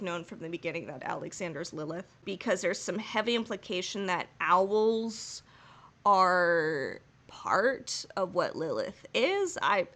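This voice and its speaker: With a rather low but slightly bright voice, a female podcast co-host banters loosely, full of laughter and jokes. She then moves on to reading the plot summary for the episode.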